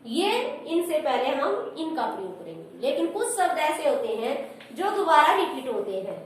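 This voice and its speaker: High-voiced teacher in an echoey room. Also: female voice, very animated, normal speed, distant mic, slight background noise. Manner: explains step by step with questions to students. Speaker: school teacher. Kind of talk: classroom grammar lesson.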